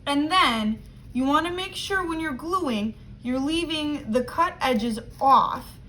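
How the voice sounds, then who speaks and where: A woman's voice: sits high, animated, slow, fairly bright tone. A woman teaching young children a craft step by step, speaking to them directly in simple instructions. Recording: clear background noise.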